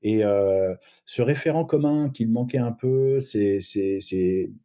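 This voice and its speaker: A middle-aged sports agent, appearing as a podcast guest, offers thoughtful rugby analysis in a fairly low, slow, mellow voice. He hesitates and restarts often. The recording is muffled and lo-fi.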